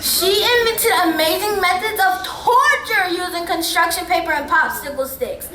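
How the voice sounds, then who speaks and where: A young woman narrates a stage play with wry, expressive storytelling. Her voice is very high and bright, and it carries from far off across a roomy auditorium. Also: normal speed, a little hiss or hum. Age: young adult.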